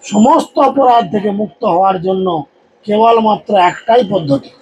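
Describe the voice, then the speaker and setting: A man with a high voice delivers a devotional sermon to a live gathering. He exhorts and jokes with his listeners. A faint hum of background noise sits under his voice. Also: unhurried, highs cut off. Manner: exhorting, humorous, leads crowd in loud chants. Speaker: preacher.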